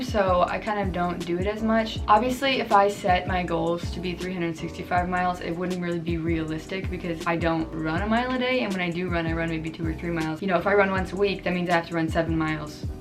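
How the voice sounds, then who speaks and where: A woman in her twenties chatting casually to the camera in a rambling, self-deprecating way. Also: lowish voice. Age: 20s. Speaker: vlogger. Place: apartment in New York. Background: background music.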